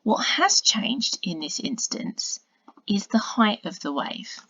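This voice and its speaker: A woman teaching through a recorded video lesson, patient and explanatory, dropping into quiet muttered asides as she draws on diagrams. Her voice sits at an ordinary pitch for a woman. The recording is dry, dull and a little lo-fi. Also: very animated, slow, gravelly, slightly rough, no echo, whispered. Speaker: science teacher.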